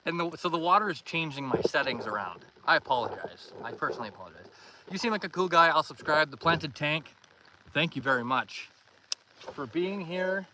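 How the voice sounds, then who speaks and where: Sitting in a canoe on a pond, this livestream host speaks in a fairly high, expressive voice with a slightly quick pace and a Canadian accent. He's friendly and welcoming, saying hello to viewers by name, thanking them, and responding to their comments in easy conversation. Splashing water and canoe noises make the outdoor audio noisy.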